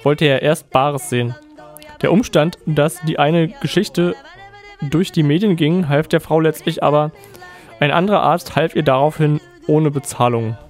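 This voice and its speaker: A man's voice: fairly high pitch, unhurried, faint music behind. A male radio co-host casually reading odd news items aloud and mocking them, often laughing.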